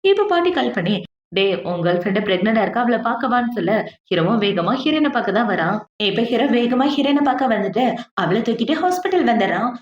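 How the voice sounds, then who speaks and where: A woman narrating a drama recap in a brisk, chatty way, acting out the quoted lines as she goes. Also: on the high side, sing-song, roomy sound, highs cut off. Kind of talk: casual storytelling recap of a drama.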